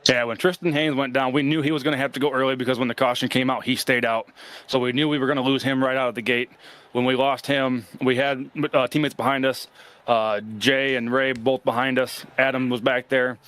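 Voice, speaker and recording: A man's voice: medium pitch, little pitch movement, brisk, a bit bright. A man who has just won an online race, giving confident, rambling answers about his strategy. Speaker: race-winning sim driver. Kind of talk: post-race interview.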